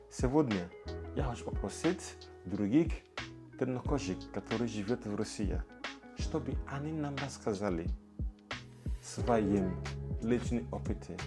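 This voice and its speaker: A man introduces his own channel in a slow, careful way. His voice sits a little low. Clear music plays beneath his words. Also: animated. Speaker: YouTube channel host. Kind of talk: scripted vlog introduction. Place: outdoors in a city. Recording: background music.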